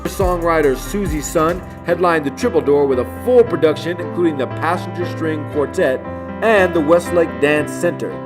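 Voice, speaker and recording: A man's voice: a little high, moderate pace. Upbeat man narrating a music roundup. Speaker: show host narrator. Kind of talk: scripted news narration.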